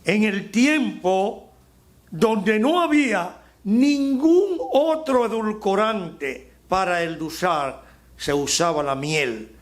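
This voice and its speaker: A middle-aged Dominican man preaching a sermon as pastor, slowing down and rising on key phrases for emphasis. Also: sits high, expressive. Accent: Dominican Spanish. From Dominican Republic.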